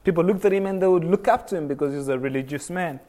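Young male preacher from Kenya, earnest sermon delivery, repeats lines for emphasis, voice a touch high. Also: fast, warm tone. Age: young adult. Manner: earnest, repeats phrases for emphasis, frequent restarts.

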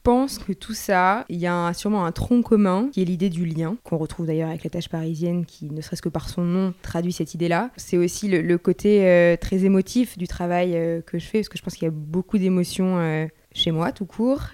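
Woman artist talking slow and thoughtful, lowish mellow voice, lots of hesitating. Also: fairly even intonation. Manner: thoughtful, searching for words with many hesitations. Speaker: artist guest. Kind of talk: reflective interview answers.

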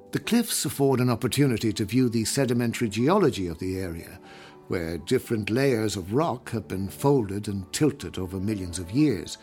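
A man's voice: lowish voice, a little mellow. Man narrating a scripted audio guide over music.

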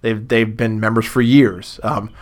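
A man, a former booster club president, chatting on a podcast and telling lively anecdotes. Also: fairly low pitch, measured pace. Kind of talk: casual podcast storytelling.

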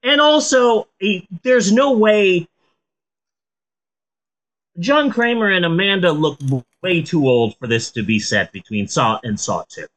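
A woman podcaster talks in a stoned, rambling way. Her low-to-mid voice takes its time and swings widely in intonation. She drops deadpan jokes and curses into loose, casual chat. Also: a little slow, poor audio. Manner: deadpan joking, sweary. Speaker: podcast host.

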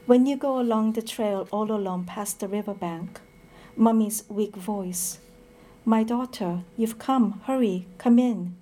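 Mellow-voiced woman reading poetry aloud. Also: mid-range voice. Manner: slow, measured reading with short introductions full of hesitant "um"s. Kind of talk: poetry reading with brief spoken introductions.

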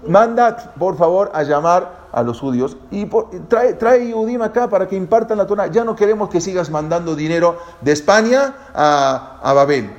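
A man's voice: sits high, animated, normal speed, few pauses, darkish tone, dull audio, voice pushed up. A man quoting a commanding male caliph giving orders, in an emphatic, raised voice.

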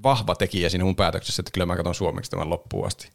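A man's voice: deep voice, steady tone, vocal fry. A man hosting a podcast, chatting casually about a film, laughing often and now and then imitating voices. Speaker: podcast host. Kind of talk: casual chat reviewing a film.

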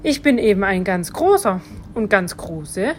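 A woman's voice: mid-range voice, sing-song, measured pace, slight background noise. A woman voicing a big, kindly male elephant in a children's storybook, friendly and helpful.

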